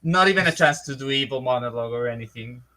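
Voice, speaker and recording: A man's voice: medium pitch, fast talker, pushed and bright. A man with a wry, amused way of talking, casually game-mastering a tabletop fantasy game.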